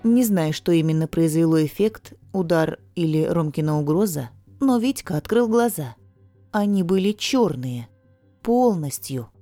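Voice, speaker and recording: A woman narrating a first-person audiobook in a wry, expressive way. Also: low-pitched, a little slow, dry recording, soft background music.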